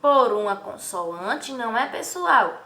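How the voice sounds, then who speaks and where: A high, bright woman teaching young children, stretching each word slowly and lifting her voice into sing-song questions. She sounds set back from the mic in an echoey room. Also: animated, recorded from a distance. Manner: slow, drawn-out syllables for children. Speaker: primary school teacher. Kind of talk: remote children's lesson.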